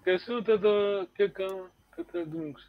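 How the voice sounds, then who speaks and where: A man teaches a class in a high voice, stopping and restarting as he explains, often repeating words and giving small laughs. The recording is dull and lo-fi. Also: slow pace. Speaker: language teacher.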